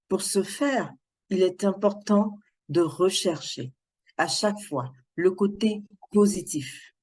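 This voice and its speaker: A woman giving a prepared speech to a club, speaking in a measured, deliberate way. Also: on the low side, dark tone, breathy edge.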